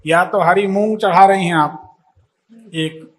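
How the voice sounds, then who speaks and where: On a live astrology call-in show, this astrologer fields a woman's questions, pushing her with leading questions and cutting across her in an assertive way. He speaks slowly in a high, slightly bright voice with fairly even intonation.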